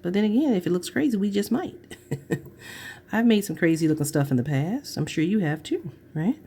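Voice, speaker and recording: A woman's voice: fairly low pitch, very animated, normal speed, warm tone, husky. A woman chatting through a crafting tutorial, gushing over her work and dropping to murmurs as she works. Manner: chatty, gushing, drops to murmurs while working. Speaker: craft vlogger.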